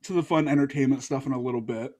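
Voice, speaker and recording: A man's voice: medium pitch, a little mellow. A man hosting a casual interview, joking and teasing his guest. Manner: joking, quick to tease the guest. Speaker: host.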